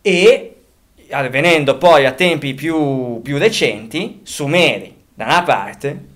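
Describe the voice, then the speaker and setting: A man's voice: fairly high pitch, lively intonation, takes it slowly, fairly bright tone. A man co-hosting a casual podcast, talking, rambling, often restarting and correcting himself as he thinks aloud. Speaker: podcast co-host.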